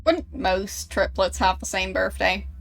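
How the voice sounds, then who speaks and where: Speaking in an unhurried, gravelly, medium-pitched voice, a young woman streams a game and reads chat in a laid-back way. She chuckles and jokes around as viewers guess where her accent is from.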